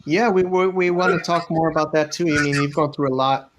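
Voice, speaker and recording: A man with a slightly higher voice runs an online panel, cheerful and thankful, warmly handing off to each speaker. He sounds encouraging and eager to keep things moving. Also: steady tone, brisk, noisy background. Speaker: panel host. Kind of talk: casual hosting.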